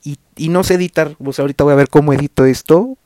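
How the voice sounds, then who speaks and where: A young Mexican-accented man talks in a loose, rambling podcast monologue full of crude slang. His voice sits a little high for a man, and the recording is dry and close, with no room sound. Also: fast talker, darkish tone, dry recording. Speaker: podcast host.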